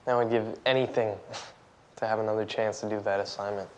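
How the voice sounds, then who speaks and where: A man's voice: fairly low pitch, fairly even intonation, brisk, slight background noise, natural voice. A young actor playing a worried teenage boy student in a TV drama, speaking earnestly and pleadingly, with music underneath. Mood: anxious. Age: young adult.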